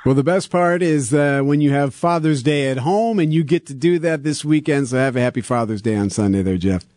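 A man's voice: medium pitch, a little fast, darkish tone, dry recording, clean studio sound. A man hosting a morning radio show, chatting casually in a joking, teasing way as he interviews a guest.

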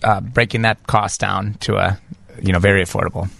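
Low-voiced male business guest. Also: steady tone, brisk, creaky, fairly bright tone, husky, dry recording. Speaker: refinishing company guest. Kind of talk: casual radio talk.

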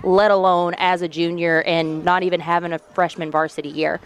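A woman's voice: lowish voice, level tone, normal speed, smooth. A woman sports reporter, a little out of breath, talking enthusiastically as a guest on a live radio broadcast. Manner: enthusiastic, repeats "incredible".

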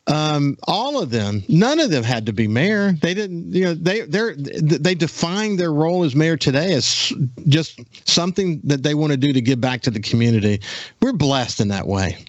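A man's voice: fairly high pitch, expressive, moderate pace, no room sound, highs cut off. A man hosts a radio talk show in casual conversation. His voice is dry and close, recorded in a studio. He talks in loose, rambling runs with frequent restarts and fillers. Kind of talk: casual interview chat.

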